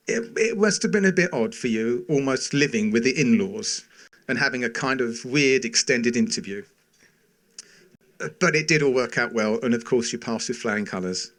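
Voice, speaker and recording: A middle-aged man delivering a prepared father of the bride speech in a sincere, affectionate, gently humorous way, pausing between short phrases. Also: medium pitch.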